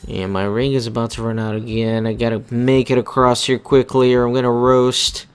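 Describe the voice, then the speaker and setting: A man's voice: mid-range voice, little pitch movement, normal speed, clear, resonant tone. A young man giving casual, laid-back commentary while playing a video game, talking colloquially. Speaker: gamer narrating a playthrough.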